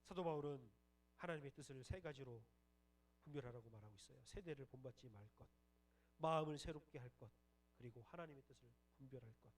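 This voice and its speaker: A man's voice: medium pitch, brisk. A young man preaching a sermon as pastor, earnest and rising to fervent emphasis. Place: church worship hall. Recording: distant mic in a hall, faint hum.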